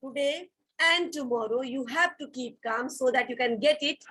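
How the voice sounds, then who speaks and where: An Indian woman teaching English vocabulary in a college classroom, her voice high and bright with a slightly husky edge. She speaks at a slow, deliberate pace and keeps a firm, scolding tone. She spells words out letter by letter for her students. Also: low-quality recording. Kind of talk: classroom lesson mixing Hindi and English.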